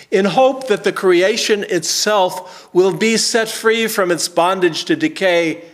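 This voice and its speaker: In a church sanctuary, a pastor in his sixties reads scripture and prays with slow, measured emphasis. His voice sits high.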